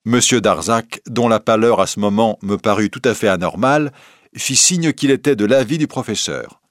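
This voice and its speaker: Male audiobook narrator, deep and lively in inflection, dry booth sound. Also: moderate pace, dry recording.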